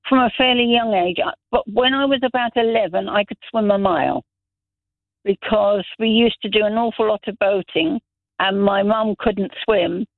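Over a dry, tinny phone connection, a middle-aged caller from Zambia speaks at normal speed in a high-pitched voice with no room sound. He's chatting casually on a radio phone-in, spinning long stories full of restarts.

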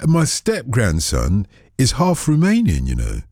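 Older guy hosting a late night radio phone-in, lively up and down voice, playful and jokey, dry studio sound. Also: medium pitch, a little slow, no room sound. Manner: jovial, playful, chatty with callers.

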